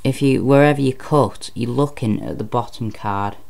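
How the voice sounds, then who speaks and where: A man's voice: medium pitch, moderate pace, vocal fry, darkish tone. A man giving informal card magician patter, explaining step by step and repeating phrases as he goes. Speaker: card trick presenter.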